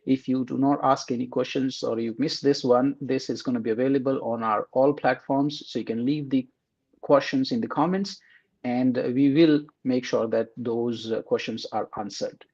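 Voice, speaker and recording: A man's voice: mid-range voice, fairly even intonation, moderate pace, a little mellow. A man hosting an interview over a video call, talking in a friendly, rambling way with many fillers. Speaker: host. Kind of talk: casual interview. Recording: slightly dull lo-fi sound.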